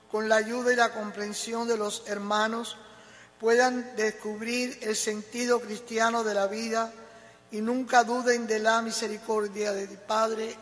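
Un hombre que lee las peticiones de la misa de forma lenta y pareja, con eco de catedral. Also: male voice, high-pitched. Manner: slow, even reading. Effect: cathedral echo. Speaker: lector. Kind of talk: reading prayers of the faithful. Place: large church. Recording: long church reverb.

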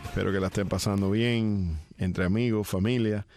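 A man's voice: fairly low pitch, fairly even intonation, normal speed, darkish tone. A man with a Cuban Caribbean Spanish accent hosting a music radio show in a casual, colloquial way. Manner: informal, colloquial. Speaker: radio host.

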